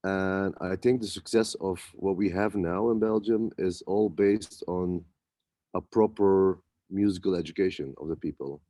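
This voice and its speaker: A man, a club promoter, answering interview questions in a relaxed way with many pauses and restarts. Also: deep voice, no room sound. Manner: hesitant, many fillers and restarts. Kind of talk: casual interview talk.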